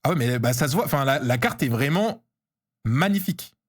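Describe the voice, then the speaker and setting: Lively, excitable male streamer. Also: mid-range voice, a little fast. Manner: chatty, excitable, reads and answers chat. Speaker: streamer opening trading cards. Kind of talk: casual live-stream chat.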